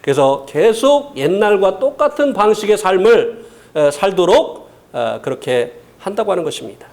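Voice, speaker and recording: A male pastor preaching a sermon with a high, lively voice that swoops up and down. He keeps checking in with the congregation and now and then acts out a coaxing, tempting voice. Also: moderate pace. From South Korea.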